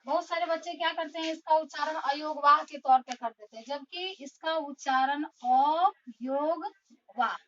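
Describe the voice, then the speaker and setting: A woman teacher giving a slow, deliberate classroom lesson, explaining step by step. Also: high voice, steady tone. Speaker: school teacher. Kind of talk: classroom lesson on Hindi phonetics. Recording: distant mic, dull lo-fi sound.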